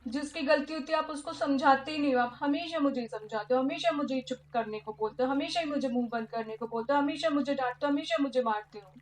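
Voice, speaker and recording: A woman's voice: sits high, fast, hardly any pauses, roomy sound, close to an everyday voice. A woman voicing a crying, accusing little child. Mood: hurt, accusing. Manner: tearful, pleading complaints.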